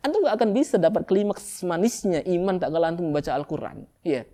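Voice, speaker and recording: Gravelly male preacher. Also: fast talker. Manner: lively preaching, mimics people in high excited voices. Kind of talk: sermon.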